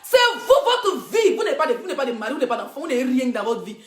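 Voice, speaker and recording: A woman blogger in a live social media rant, loud and mocking, often laughing as she talks. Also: high voice, very animated, rapid-fire, reverberant. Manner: mocking, loud, laughing through her talk. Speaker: blogger and influencer.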